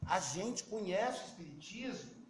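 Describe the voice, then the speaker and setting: A man's voice: sits high, animated, measured pace. A Brazilian man with a Brazilian Portuguese accent telling stories in a casual talk, acting out the dialogue. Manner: anecdotal, acts out dialogue. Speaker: spiritist speaker. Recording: echoey, distant, faint noise.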